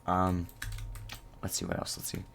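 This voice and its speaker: A young man narrating a casual gameplay tutorial, halting and low-key with many fillers. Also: completely flat delivery, gravelly, a bit bright, slight background noise. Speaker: gaming channel host.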